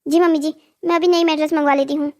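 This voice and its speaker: A woman's voice: high-pitched, steady tone, fast, darkish tone. A voice actor playing a polite, nervous young bride in a cartoon story, eager to appease her mother-in-law. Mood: appeasing. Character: timid dutiful young bride.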